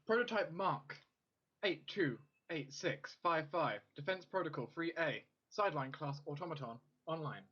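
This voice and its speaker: A man as game master voicing a glitching automaton that boots up with error messages in an unnatural, slightly feminine synthetic voice, in flat system announcements with stuttering restarts. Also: on the high side, moderate pace, slightly rough, muffled recording, exaggerated voice. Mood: mechanical monotone. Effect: glitching robot voice with error messages.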